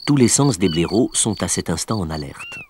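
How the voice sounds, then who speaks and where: A man delivers scripted nature documentary narration in a measured, explanatory storytelling manner. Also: low-pitched, wildly swooping pitch, darkish tone, a little hiss or hum.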